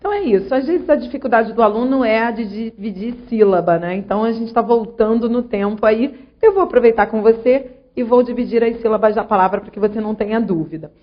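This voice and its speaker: A fairly high-voiced teacher rushes through an online grammar lesson with hardly any pauses, explaining rules didactically and checking in with her student. The recording is muffled.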